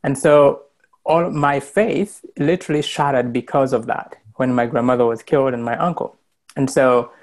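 A man's voice: medium pitch, darkish tone. Earnest young man on a video call. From Rwanda. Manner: earnest, many fillers and restarts, gestures while talking. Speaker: church member sharing testimony. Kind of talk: personal faith testimony on video call. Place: small indoor room with plain wall. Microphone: wired earbud mic on video call.

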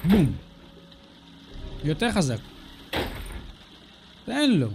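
A man's voice: sits high, very animated, vocal fry, noisy background. Sarcastic man doing gameplay commentary. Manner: sarcastic, mocking the character. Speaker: let's play host. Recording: faint game music in the background.

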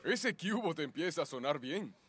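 A dim, eager muscle-bound animal hero in a cartoon. The voice is husky and raised high for a man, with a Latin American Spanish accent. He sounds earnest and easily convinced. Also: expressive, normal speed, fairly bright tone, faint music behind. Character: gullible, dim, eager muscular male cartoon echidna.

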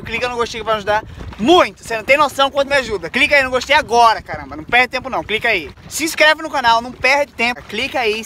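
A young man from Brazil in his twenties, chatting excitedly to viewers in a casual travel vlog, filming himself with a phone held at arm's length on a city waterfront pier. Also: high voice. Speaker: vlogger.

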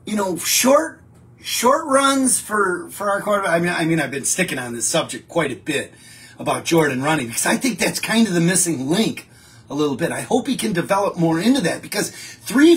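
In a home studio backed by wallpaper, a middle-aged man runs a casual live stream, responding to viewer comments in a loose, talkative manner full of restarts. His voice is high-pitched and a bit bright.

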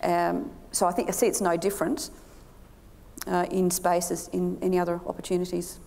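A middle-aged woman speaks matter-of-factly on a conference stage. Her low voice stays flat and even, and a long hall reverb trails each line. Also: moderate pace, creaky. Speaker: panelist. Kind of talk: conference panel discussion.

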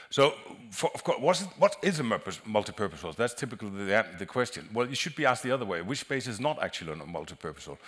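This conference speaker, an acoustic designer, sounds on the low side yet fairly bright. Presenting from the stage of a big conference hall, he hesitates and says words twice as he explains.

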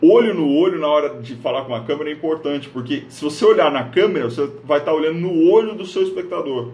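Speaking a little high with lively intonation and a quick pace, this man has a darkish tone, with slight hiss or hum on the audio. He's from northern Paraná, Brazil, addressing the camera directly as he runs a live stream and gives upbeat social media coaching. The room echoes.

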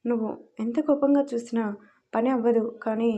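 A woman voicing a calm, self-assured young man who speaks matter-of-factly in a storybook reading. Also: on the high side, normal speed, highs cut off, lightly acted. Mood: cool. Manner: cool, matter-of-fact.

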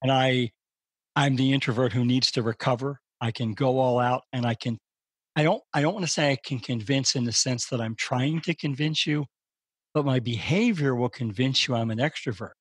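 Older male guest, husky voice, dry sound, reflective and thinking out loud. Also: normal speed, dry recording. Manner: reflective, thinks aloud, animated rises in pitch. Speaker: podcast guest, strategic advisor. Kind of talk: casual conversation.

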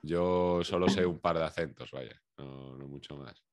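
A young Spanish man with a Spain Spanish accent, co-hosting a podcast in relaxed, slangy casual chat. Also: extremely low pitch, unhurried, no echo, studio quality. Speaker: podcast co-host.

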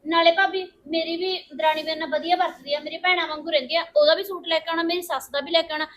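A whiny, grasping young sister-in-law, played by a woman who keeps demanding gifts. Her voice is very high, bright and rapid in this family drama. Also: steady tone. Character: demanding spoiled married daughter visiting her parents, whiny and greedy. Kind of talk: village family drama acting.

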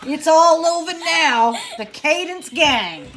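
Woman, playful toy play narration, high voice, very lively pitch. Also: slow. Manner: playful, sing-song, teasing.

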